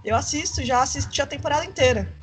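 Woman, casual chat, enthusiastic, higher-pitched, soft music behind. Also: quick pace.

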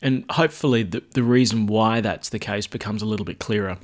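A man's voice: fairly low pitch, fairly quick. A man speaking as a priest, giving a Gospel reading and homily.

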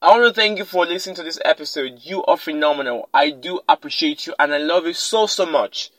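High-voiced motivational male podcaster, dry sound. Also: a little fast, a bit bright, no room sound, poor audio. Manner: emphatic, repeats key lines for effect. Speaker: podcast host. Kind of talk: motivational talk.

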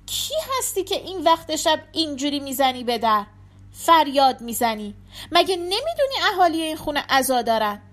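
زنی در نقش خدمتکار مرد دستپاچه. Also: female voice, very animated, full character voice. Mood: suspicious. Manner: flustered, loud and high. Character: simple-minded male servant, flustered and excitable.

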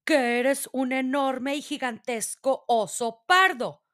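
A woman's voice: high voice, slow pace, fairly bright tone. A woman voicing a stern, commanding male police chief in a storybook. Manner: gruff, commanding.

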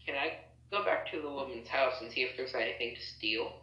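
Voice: medium pitch, brisk, bright, forceful tone, echoey room, far from the mic. A tabletop game player asking questions casually over a muffled, faintly noisy voice chat.

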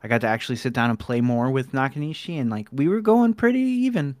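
Relaxed man on a dry podcast mic. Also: mid-range voice, fast, no room sound. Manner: relaxed, swears casually, laughs easily. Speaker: podcast host. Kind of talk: casual podcast chat.

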